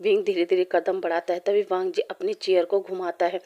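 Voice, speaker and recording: Mellow, flat-voiced woman telling a story. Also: lowish voice, a little fast, highs cut off. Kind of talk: fan-fiction story narration.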